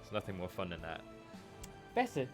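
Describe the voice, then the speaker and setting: A man's voice: low voice, huge pitch swings, normal speed. A playful man chats on a gaming live stream, joking at his own lines and fussing at his pet. His voice swings up and down a lot, and faint game music plays behind him. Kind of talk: casual live-stream chat while gaming.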